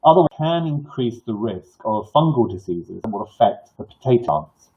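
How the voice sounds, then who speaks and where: An older man hosts an informal live clinic in a husky, toothless voice with soft, slurred consonants. He rambles haltingly, often restarting and repeating himself. The sound is dull and lo-fi. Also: medium pitch, big pitch swings. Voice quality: toothless, slightly slurred articulation. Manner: halting, rambling delivery with false starts and repetitions. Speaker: gardening clinic host. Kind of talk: informal live advice, answering viewer questions.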